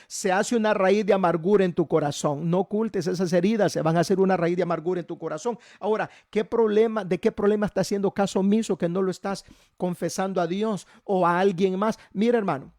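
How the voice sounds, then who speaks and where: A man's voice: high voice, a little fast, darkish tone, dry recording, clean studio sound. A man preaching a sermon as pastor, telling folksy stories and asking "¿verdad?" again and again.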